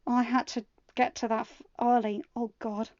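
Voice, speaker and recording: Normal in speed and fairly flat in pitch, a woman's voice on the high side with a darkish tone narrates fan fiction as a podfic channel host. The home recording has no echo but sounds close and slightly muffled, and she wraps up with an excitable, chatty farewell.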